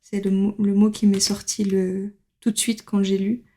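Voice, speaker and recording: A woman's voice: mid-range voice, level tone, moderate pace, mellow. Woman, tarot reader, chatty, filler-heavy, casual to camera. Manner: chatty, laughing, many fillers.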